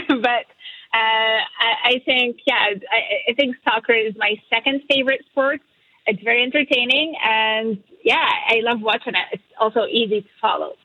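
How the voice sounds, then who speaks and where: Casting: Syria-born woman producer on a phone line, halting and giggly, higher voice. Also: no echo. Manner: halting, filler-heavy, giggly. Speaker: radio show producer. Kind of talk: phone-in radio interview.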